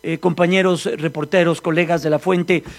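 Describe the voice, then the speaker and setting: Mexican news anchor guy, pretty high voice, lots of ehs. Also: flat delivery, normal speed. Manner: hesitant, many fillers. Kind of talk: live news commentary.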